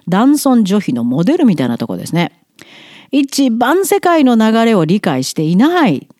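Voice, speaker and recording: A blunt, plain-spoken middle-aged woman from Japan speaks her mind in a vlog monologue. Her pitch swings widely as she presses each point. The sound is dry and close. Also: a little mellow, no room sound. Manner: emphatic, blunt, plain-spoken, with quick asides. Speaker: vlogger commenting on society. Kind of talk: outspoken monologue.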